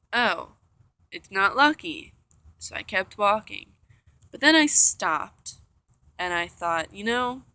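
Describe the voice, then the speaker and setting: A woman's voice: lowish voice, bright, forceful tone. A young woman vlogging from a room, telling a story in a chatty, rambling way full of fillers. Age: young adult. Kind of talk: casual storytelling vlog. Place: indoor room.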